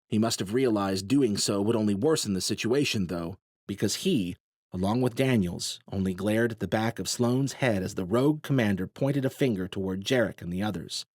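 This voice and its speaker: A man narrating a novel in a steady, measured way. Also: lowish voice, dry recording, clean studio sound. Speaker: audiobook narrator. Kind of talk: scripted narration.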